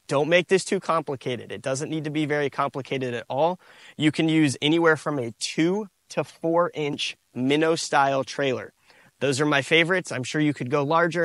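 A man, giving a relaxed outdoor fishing tutorial from a boat on a lake, recorded on a lapel mic. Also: fairly high pitch, dry recording. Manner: relaxed, repeats "again" and "you guys". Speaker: fishing instructor.

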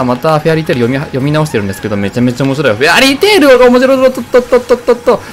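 Fast-talking young man commentating a kart game. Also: medium pitch. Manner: rambling, jokey, reacting loudly to the race. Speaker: gameplay commentator. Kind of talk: casual let's-play commentary.

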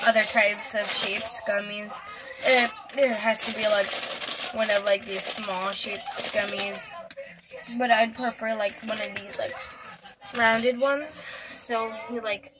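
A woman with a fairly high voice chats casually as a vlogger. She speaks slowly and rambles, piling up fillers and restarting her sentences as she explains things to her viewers. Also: steady tone, very noisy. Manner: rambling, filler-heavy with many likes and restarts. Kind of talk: casual chat to camera.

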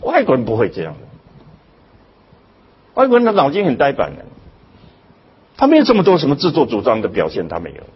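Older male lecturer, husky voice, lively swooping pitch, dull lo-fi recording, emphatic and questioning. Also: brisk, pauses often. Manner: emphatic, rhetorical questions, sudden jumps in pitch. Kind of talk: public lecture.

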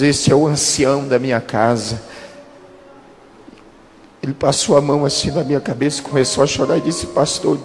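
A pastor in his thirties telling a dramatic testimony in a sermon, with slow emphatic pauses. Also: medium pitch, darkish tone. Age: 30s. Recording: long church-hall reverb with music.

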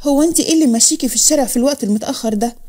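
Frightened young Egyptian woman, anxious, high, dark timbre, read by a woman. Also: racing. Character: young woman, scared and bitter.

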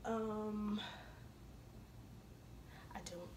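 A young woman vlogging casually to her viewers, her voice slightly hoarse from a cold, chatting informally and calling them y'all. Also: medium pitch, fairly even intonation, drawn-out words, a little mellow, a little hiss or hum. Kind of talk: casual vlog chat to camera.

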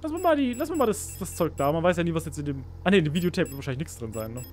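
Guy narrating his horror game playthrough, kinda high voice that jumps all over, gets spooked a lot, quiet game music behind. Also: big pitch swings, rapid-fire. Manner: jumpy, pleading and squealing at enemies. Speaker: let's play gamer. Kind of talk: casual gameplay commentary.

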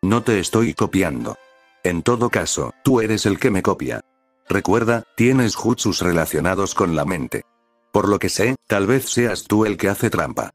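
A man's voice: low-pitched, expressive, measured pace, no room sound, soft background music, heavily acted. A man voicing a cocky, easily exasperated teenage boy ninja in a story reading. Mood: defensive.

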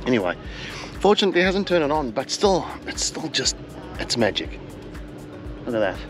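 A man's voice: mid-range voice, very animated, moderate pace, music in the background. An Australian man in his forties chatting casually to the camera as a travel vlogger, in a laid-back, rambling, colloquial way. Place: outdoors on a beach, some talk in a car. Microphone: handheld action camera at arm's length.

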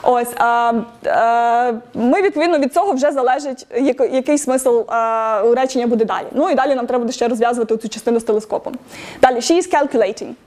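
A high-pitched woman talks quickly as she runs a lively tech meetup lecture. She quizzes the audience, praises their answers and laughs easily between points. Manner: laughs often, lively and encouraging.

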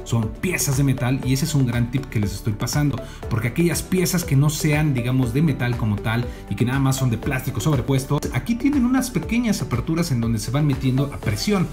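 A man at a desk presents collectible models with a showman's flair, breaking into lively exclamations as he goes. His pitch sits in the middle range. Music plays clearly behind him. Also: fairly quick. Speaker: diecast collector channel host. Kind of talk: casual unboxing review. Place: indoor desk, office.

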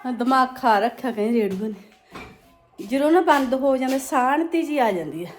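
Punjabi woman, high voice, homely family-vlog narrator chatting through chores, clear music behind her. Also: lively intonation, brisk. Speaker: family vlogger. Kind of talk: casual household vlog chat.

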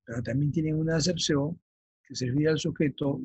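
A male teacher explaining vocabulary for an exam, often checking in with his students and slowly dictating key terms. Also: on the high side, steady tone, a little mellow, husky, no echo, low-quality recording. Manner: checks understanding with frequent "ya?". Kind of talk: vocabulary lesson for exam prep.

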